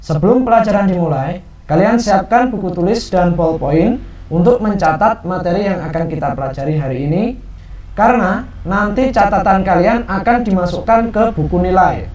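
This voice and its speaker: Male teacher, high voice, formal class instructions; distant, very echoey, muffled recording. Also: animated, normal speed, darkish tone. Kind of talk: addressing a class.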